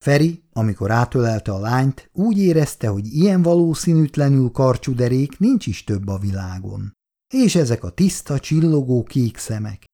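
A man narrating a 1960s radio drama in a measured, storytelling manner. His voice is dark and mellow, and it moves freely up and down in pitch. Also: big pitch swings.

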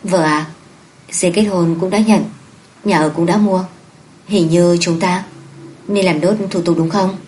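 A woman voicing a domineering, lazy young husband with a low, teasing manner in a romance audiobook. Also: steady tone, unhurried, pauses often, a little mellow, slight background noise, lightly acted, poor audio.

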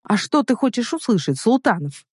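A woman's voice: on the low side, lively intonation, moderate pace, darkish tone, dry recording. A reader voicing a stubborn, hurt young woman in a storybook reading, pleading and emotional, in a dry recording. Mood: defiant.

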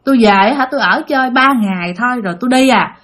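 A woman's voice: fast, a bit bright, close to an everyday voice. A woman with a Southern Vietnamese accent voicing the angry ghost of an older woman who scolds her family. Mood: insistent. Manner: shrill, scolding, accusing.

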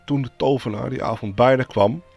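Guy telling an old fairy tale on a podcast, gravelly voice, joky side comments, bit of music behind. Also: mid-range voice, fairly quick, a little mellow, dull audio. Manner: wry asides, joking commentary on the story. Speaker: podcast host, storyteller. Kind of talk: casual fairy-tale retelling.

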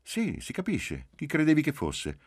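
A man voicing a young wife with a soft, caressing, languid manner, in an audiobook reading. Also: on the high side, wildly swooping pitch, normal speed, no echo, studio quality, pitched above the performer's own voice. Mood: tender.

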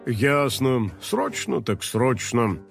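A man voicing a calm, unflappable old male house spirit elder. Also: medium pitch, creaky, soft background music, full character voice. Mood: unbothered. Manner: unflappable, slow and flat.

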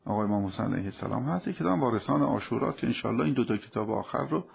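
A man speaking on religious themes with a gravelly, husky voice, his delivery fervent and preacherly. The sound is dull and lo-fi, like an old radio broadcast. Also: medium pitch, lively intonation. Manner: impassioned, preacherly, rising to fervent appeals. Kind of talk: religious talk.

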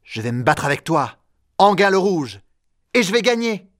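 A man's voice: sits high, sing-song, normal speed, a bit bright, pitched above the performer's own voice. A man voicing a brave young knight in a storybook, speaking in a firm, declaring way. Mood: resolute. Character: young brave male knight, earnest and bold.

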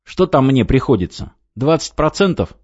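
A man's voice: medium pitch, very animated, normal speed, a little mellow, highs cut off, pitched above the performer's own voice. A man reading an audiobook, voicing a weary, gloomy male foreman who mutters glum, sardonic replies.

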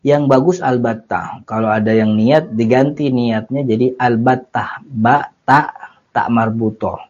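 A man's voice: mid-range voice, unhurried, a little mellow. A man teaching an Islamic legal text, reading Arabic and explaining it in casual slang with chuckles. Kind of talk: casual religious lecture. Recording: muffled lo-fi lecture recording.

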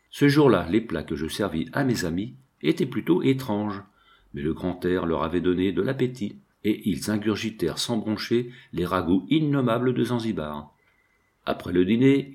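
Male narrator, first-person novel, expressive reading, lowish voice. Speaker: audiobook narrator.

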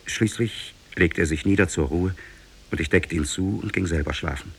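An actor playing a grieving young man telling his sad tale in a 1950s radio drama, with a measured, sorrowful delivery. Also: sits low, breathy edge. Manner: measured storytelling, sinks into sorrow. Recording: old tape, muffled radio play.

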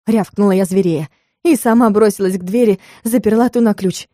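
A woman narrating a first-person audiobook in a lively storytelling manner. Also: mid-range voice, brisk, no room sound, clean studio sound.

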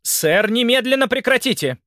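A man's voice: mid-range voice, sing-song, a little fast, dry recording, studio quality, lightly acted. A man voicing a lanky young policeman, the aunt's partner, in an audiobook. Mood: commanding.

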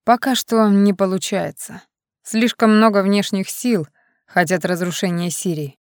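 Stern male militia leader, read by a woman, measured lecturing delivery, dry sound. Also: mid-range voice, fairly even intonation, dry recording, close to an everyday voice. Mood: reflective. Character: serious stern man, militia leader, self-assured.

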